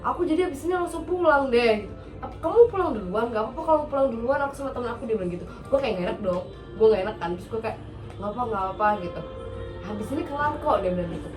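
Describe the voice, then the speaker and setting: A woman, casually telling a story on a podcast, animated and acting out the quotes. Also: a little high, fast talker, recorded from a distance. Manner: animated, acts out quotes, laughs often. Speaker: podcast host. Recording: roomy, off-mic, music behind.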